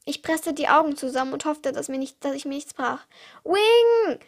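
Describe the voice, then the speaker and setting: A woman's voice: high voice, little pitch movement, fairly quick, a bit bright. A teenage girl reading her own short stories aloud for her podcast, with small slips and restarts. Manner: reads with small slips and restarts, uneven pace.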